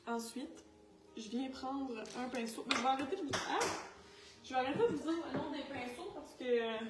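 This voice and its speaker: A woman's voice: high-pitched, normal speed, distant mic, heavy background noise. A woman with a Quebec French accent talking through a makeup tutorial in a chatty, scattered, self-mocking way as she works. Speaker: makeup artist. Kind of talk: makeup tutorial, casual talk to camera. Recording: echoey room with faint music.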